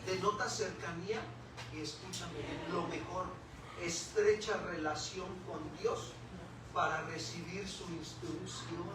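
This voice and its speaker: A man's voice: sits high, fairly even intonation, slow. A man with a Mexican Spanish accent preaching a sermon as pastor, emphatic and full of rhetorical questions to the congregation. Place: church hall. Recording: echoey hall, distant mic, audible room noise.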